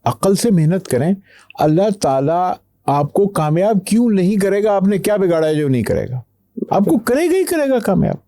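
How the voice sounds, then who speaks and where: Slow-spoken middle-aged man, dark voice. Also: high voice, very animated, no room sound, clean studio sound. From Pakistan. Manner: slow, pausing, thinks before speaking. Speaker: guest, tech company CEO. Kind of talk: podcast interview.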